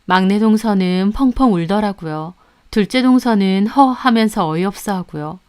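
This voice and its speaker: A woman tells a family drama in the first person, narrating steadily and calmly. Her voice is smooth and clear at an ordinary pitch, with an even storytelling pace. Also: moderate pace. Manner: calm storytelling. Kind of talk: scripted narration.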